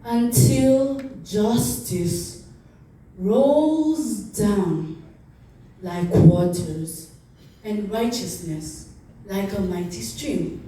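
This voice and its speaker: A woman giving an impassioned, oratorical recitation of a famous speech, with deliberate pauses and repetition. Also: mid-range voice, dark tone. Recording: very echoey, distant from the mic.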